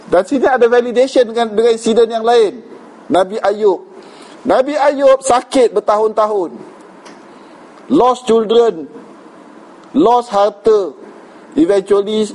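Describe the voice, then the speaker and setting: Man, Malaysian accent, high voice, religious teacher, casual lecture, tag questions. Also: a little mellow, rough recording. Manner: conversational, mixes English words, frequent "kan?" tag questions.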